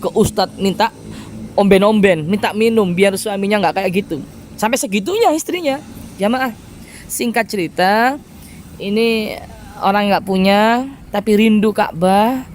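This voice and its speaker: A man who preaches in a lively storytelling style and often addresses his congregation directly. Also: high voice, a little hiss or hum. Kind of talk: storytelling sermon.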